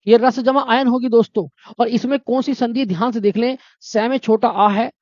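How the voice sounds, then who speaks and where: A man's voice: very high voice, fairly even intonation, normal speed, no echo, muffled recording. A male teacher giving an exam-prep grammar lesson, repeating answers and quizzing the viewer with rhetorical questions.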